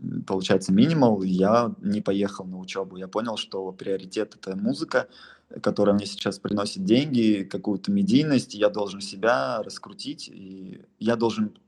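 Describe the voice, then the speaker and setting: This interview guest is a young beatmaker and music producer from Altai, Russia, whose fairly low, husky voice sounds a little mellow. He moves at a moderate pace, giving loose, slangy, rambling answers full of false starts.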